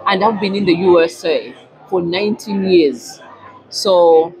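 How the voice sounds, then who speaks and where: A woman with a non-native English accent vlogging a casual chat at a restaurant, telling a story in a lively, chatty way. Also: fairly low pitch, a little slow. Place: busy restaurant. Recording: noisy restaurant crowd. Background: restaurant crowd chatter.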